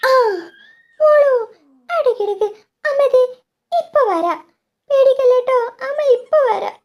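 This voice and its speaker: A woman's voice: very high-pitched, darkish tone, lo-fi sound, full character voice. A woman voicing a worried young mother in a doll story, fretful and soothing.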